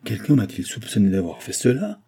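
A man's voice: lowish voice, sing-song, a little fast, warm tone, slightly rough, full character voice. A man reading the part of an accused male clerk who protests his honesty, in an indignant, protesting manner.

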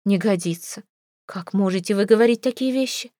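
A woman's voice: mid-range voice, fairly quick, warm tone, no echo, natural voice. Fretful, tearful older mother-in-law in an audiobook, read by a woman, sighing and plaintive, close and dry. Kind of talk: audiobook character reading.

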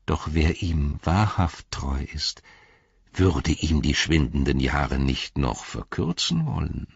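A man voicing a sly, treacherous male royal adviser, slow and wheedling. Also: extremely low pitch, big pitch swings, vocal fry, husky, dry recording, highs cut off, full character voice. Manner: wheedling, drawn-out.

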